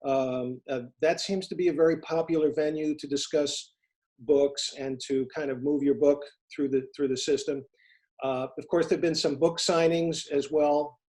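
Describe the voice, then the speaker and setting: A middle-aged man from the United States, telling stories as an interview guest in an earnest, halting way with many restarts. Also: fairly high pitch, fairly even intonation, mellow. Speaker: interview guest, former FBI agent turned private investigator. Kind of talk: casual interview, storytelling.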